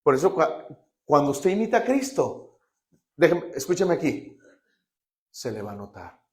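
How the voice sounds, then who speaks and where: Lively man preaching. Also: on the high side, a little slow. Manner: call-and-response preaching, emphatic. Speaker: pastor. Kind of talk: Bible-study sermon. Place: church hall. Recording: echoey church hall.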